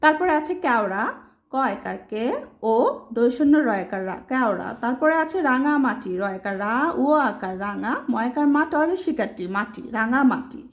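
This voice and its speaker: A woman's voice: on the high side, lively intonation, normal speed. A woman teaching a primary school language lesson, asking questions and answering them herself, spelling words out letter by letter. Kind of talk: explaining a children's textbook lesson.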